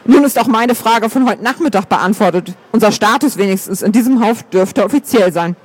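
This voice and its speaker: A man's voice: high voice, a little fast. A man reading a tense, weary young man. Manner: tense, sighing. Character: young, sharp-tongued man, tense and unsure.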